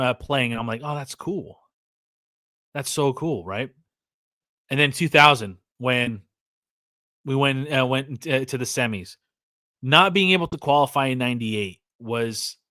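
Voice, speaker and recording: The forties-aged host, a Californian, drifts through casual livestream talk, reciting viewer comments and restarting sentences amid lots of fillers. His mid-range voice has a sharp tone, a somewhat slow pace and frequent pauses, captured in studio quality with no room sound.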